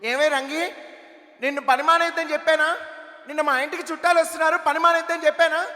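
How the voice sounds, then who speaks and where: A man voicing a bossy middle-aged housewife who scolds her maid in a shrill voice. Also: fairly even intonation, fast talker, pushed and bright. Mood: scolding. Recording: echoey hall over stage PA.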